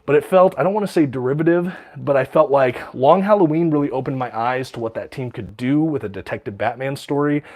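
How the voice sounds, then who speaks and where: Guy chatting on his livestream, excited, lots of ums, bit out of breath with a cold. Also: medium pitch, brisk, few pauses. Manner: enthusiastic, many ums and uhs, reads out viewer questions. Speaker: livestream host showing his comic collection. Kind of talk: casual livestream chat.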